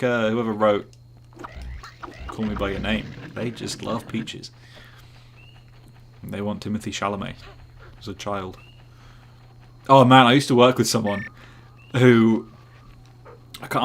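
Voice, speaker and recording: A man's voice: lowish voice, vocal fry. A man streaming live gameplay who rambles, jokes and chats with his viewers. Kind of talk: casual live gameplay commentary.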